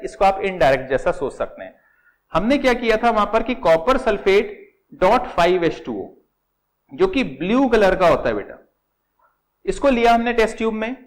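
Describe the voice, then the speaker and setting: A man's voice: sits high, rough recording. A male chemistry teacher, lecturing step by step. He repeats key words and talks to his students in an affectionate, patient way. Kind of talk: classroom lecture at a whiteboard.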